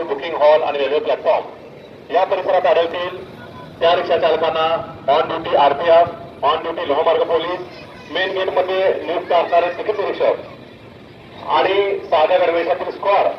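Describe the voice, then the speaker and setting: A man making firm, measured announcements over a railway station PA loudspeaker and repeating his instructions. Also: a little high. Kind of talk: public address announcement. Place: railway station, heard from the platform. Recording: echoey muffled loudspeaker, faint noise.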